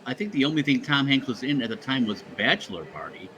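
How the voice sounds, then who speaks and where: A man's voice: mid-range voice, big pitch swings, fast, sharp tone, rough recording. A man hosting a radio show, chatting casually and introducing songs, rambling with lots of fillers and swearing, and he has the hiccups.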